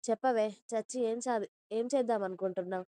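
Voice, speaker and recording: A woman's voice: fairly high pitch, brisk, dark tone, a little hiss or hum, close to an everyday voice. A woman voicing a stern, angry young man who scolds bluntly in an audio story.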